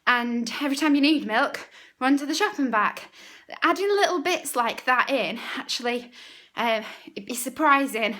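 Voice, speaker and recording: Woman, fitness vlog, upbeat coaching, out of breath at times, bright tone. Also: sits high. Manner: upbeat, chatty instructing with frequent okays. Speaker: fitness instructor. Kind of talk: casual workout vlog.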